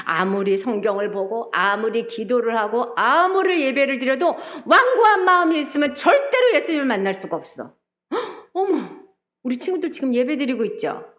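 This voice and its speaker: High, lively woman preaching to children. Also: moderate pace. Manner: sing-song, exaggerated, asks children questions and acts out voices. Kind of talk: animated children's sermon.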